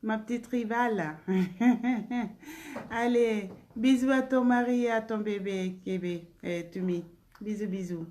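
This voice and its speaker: A woman's voice: medium pitch, slow pace, darkish tone, slight background noise. A woman singer hosting a casual live stream, greeting viewers by name and blowing them kisses between remarks.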